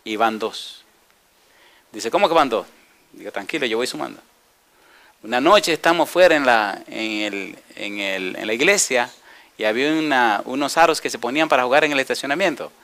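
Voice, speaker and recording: A male pastor preaching a sermon, telling a personal story and putting rhetorical questions to the congregation, often rising to loud, high preaching. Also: expressive, normal speed.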